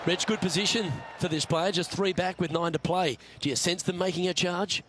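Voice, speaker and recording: A man's voice: sits high, fairly even intonation, moderate pace, crowd noise, background noise, lightly acted. A man working as a golf commentator, calling play shot by shot in a game broadcast. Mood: measured.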